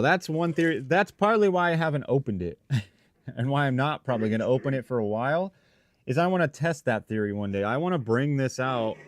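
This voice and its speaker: In a shop, a man with a mid-range voice hosts a live stream as a paranormal investigator. He chats informally with viewers, thinking aloud in rambling, broken phrases. The recording is dry.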